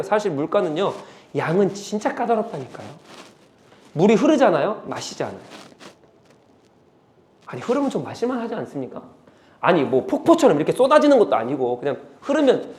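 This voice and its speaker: A male pastor preaching a sermon, moving between quiet, earnest stretches and loud, impassioned climaxes. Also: a little high.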